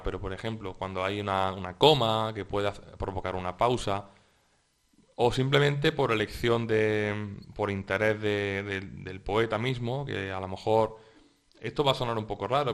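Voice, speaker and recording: A man's voice: fairly low pitch, a bit bright. A man teaching a lesson on verse metrics, explaining step by step with frequent restarts and checking tags. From Spain. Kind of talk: exam-prep lecture.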